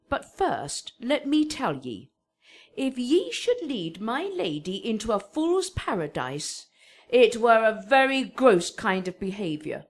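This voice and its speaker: Older female nurse, Shakespearean radio play: fussy, emphatic, highish voice, leisurely pace. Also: heavily acted. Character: Juliet's Nurse, indignant, garrulous older female servant. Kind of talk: Shakespearean radio drama acting.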